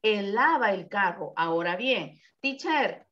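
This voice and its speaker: A woman's voice: mid-range voice, animated, takes it slowly, a bit bright, lo-fi sound. A woman teaching an English class over a video call, explaining grammar patiently. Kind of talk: online class instruction.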